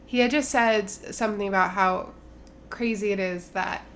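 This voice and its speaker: A young woman co-hosting a laid-back podcast, her voice edged with vocal fry. She chats loosely, peppering every thought with fillers. A faint low ambience sits under the recording. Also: steady tone, normal speed, a bit bright, slight background noise. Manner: chatty, lots of fillers and "like". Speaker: podcast co-host. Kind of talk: casual chat.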